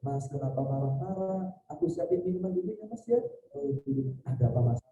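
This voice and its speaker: A man voicing a sweet-talking young wife who gently soothes her angry husband during a sermon. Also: high voice, wildly swooping pitch, fairly quick, gravelly, soft background music, exaggerated voice. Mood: coaxing. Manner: coaxing, gentle. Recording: echoey hall, mic far off.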